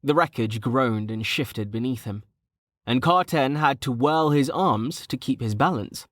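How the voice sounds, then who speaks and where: A man narrating a fantasy audiobook in a measured, steady storytelling voice. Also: mid-range voice, no room sound, studio quality.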